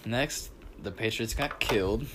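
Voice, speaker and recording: Low-voiced young man, noisy recording. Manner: laughs often, quick interjections. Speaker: podcast co-host. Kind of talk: casual chat about football.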